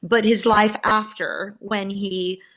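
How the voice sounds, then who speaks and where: On a podcast, a Romanian novelist answers the interviewer's questions carefully and deliberately, with many fillers and restarts. Her mid-range voice is delivered flatly and sounds a bit bright, and the audio is poor.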